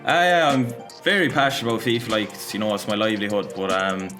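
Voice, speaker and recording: A man's voice: lowish voice, steady tone, fast talker. A man in his early twenties with a west of Ireland accent, answering interview questions casually and often adding "you know". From Galway, west of Ireland. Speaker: esports player, interviewee. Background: music.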